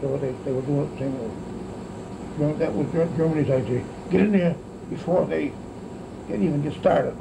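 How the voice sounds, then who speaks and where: A very old American man, likely in his nineties or beyond, reminisces casually about his wartime childhood as a grandfather, his creaky voice sitting a little high. He rambles and halts, often ending thoughts with "see," over a noisy recording with a steady insect-like hum.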